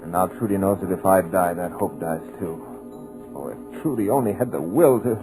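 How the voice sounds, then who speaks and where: With a deep, natural voice at normal speed, a man acts in a 1940s radio drama as a hypnotized writer. His breathless inner narration conveys desperate, helpless terror in urgent bursts. The old radio recording is low in quality, with music behind it.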